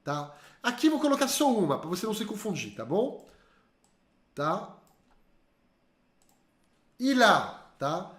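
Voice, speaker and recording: A man teaching online, lively and drilling learners to repeat slowly after him. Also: high voice. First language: French. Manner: spells out sounds slowly and carefully. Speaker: French teacher. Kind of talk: online language lesson. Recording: echoey room.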